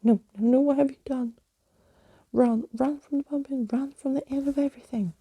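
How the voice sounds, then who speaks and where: A woman voicing a flustered, theatrical old male skeleton gentleman from a storybook, shrieking and quaintly wordy. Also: high voice, steady tone, normal speed, pitched above the performer's own voice. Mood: frantic. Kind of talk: acted storybook reading.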